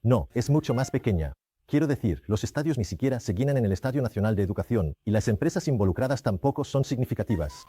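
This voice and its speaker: A man in his fifties, a show host and former rugby player, reminiscing in relaxed conversation and often correcting himself as he goes. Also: medium pitch, quick pace, slight background noise.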